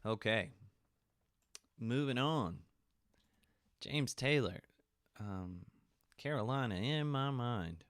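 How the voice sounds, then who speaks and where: A man who works as a music therapist, talking quietly and casually about songs on a live stream. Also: medium pitch, lively intonation, takes it slowly, no echo, clean studio sound.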